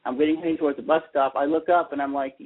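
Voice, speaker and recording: This American man calls into a radio show as a guest commentator, a soap opera fan who is chatty, opinionated and prone to rambling with emphatic points. Over the phone line his fairly high voice comes rapid-fire, with a fairly even intonation.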